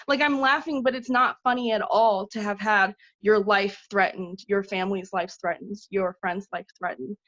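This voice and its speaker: A woman giving an earnest, urgent personal speech as an awardee, pausing often on "um". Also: medium pitch. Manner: earnest, urgent, many 'um' fillers. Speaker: awardee speaking at a virtual ceremony. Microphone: video call. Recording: dull lo-fi video call audio.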